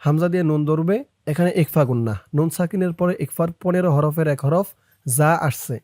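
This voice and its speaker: A man teaching Quran reading who chants verses slowly and breaks them down syllable by syllable with short spoken explanations in between. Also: a little high, dark tone, no room sound, studio quality. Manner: slow drawn-out recitation alternating with quick spoken explanations. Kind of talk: Quran recitation lesson.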